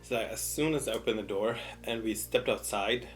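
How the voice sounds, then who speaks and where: Young man telling a casual animated story. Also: fairly low pitch, normal speed, soft background music. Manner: animated retelling with repeated words and quoted dialogue. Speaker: mukbang storyteller.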